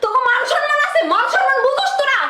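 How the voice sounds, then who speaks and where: A woman acting out an enraged young bride in a web drama, her voice very high and racing, scolding and mocking. The echoey room carries a clear hum of noise behind her. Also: expressive, rapid-fire. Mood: furious. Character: furious cheated young bride, loud and scolding.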